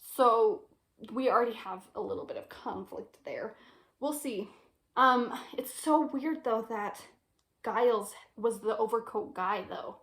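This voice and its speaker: A young woman vlogging from her bed, chatty and giggly as she works things out aloud. Her voice sits a little high, and she often breaks into small laughs between thoughts. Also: unhurried, a bit bright, husky. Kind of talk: casual chat. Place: bedroom.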